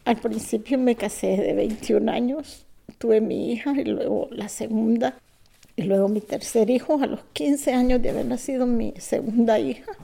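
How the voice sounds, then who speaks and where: Salvadoran lady, 50s, halting soft testimony, mellow dark tone, fry in the voice. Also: on the high side. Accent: Salvadoran Spanish. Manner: halting and soft, drops to whispers. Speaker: immigrant English learner. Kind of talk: personal testimony.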